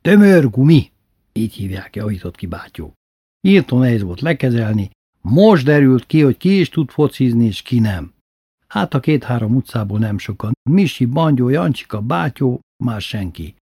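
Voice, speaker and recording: Husky guy telling an old family story, dry and matter-of-fact, no room sound. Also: medium pitch, very animated, mellow, no echo. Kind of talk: recited childhood memoir.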